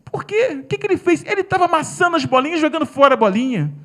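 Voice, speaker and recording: A Brazilian man voicing a rude, haughty woman at a restaurant who shouts with contempt, quoted in his spoken story. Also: very high-pitched, big pitch swings, fast talker, voice pushed up. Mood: haughty shouting.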